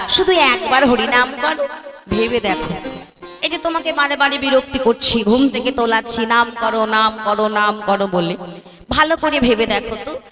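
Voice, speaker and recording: A woman voicing an old male holy man in a devotional storytelling performance, gentle and coaxing in manner. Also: fairly high pitch, close to an everyday voice. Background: devotional music with tabla.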